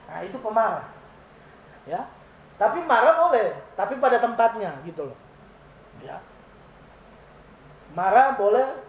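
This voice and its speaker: A preacher giving an animated sermon, asking the congregation questions and answering them. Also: mid-range voice. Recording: roomy, echoey room sound.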